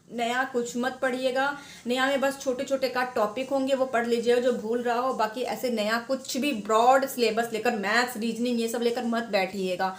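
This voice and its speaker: A woman's voice: on the high side, reverberant. Chatty woman giving exam advice. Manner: chatty, repeats herself, many restarts. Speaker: exam preparation guide. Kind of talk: informal advice talk to students.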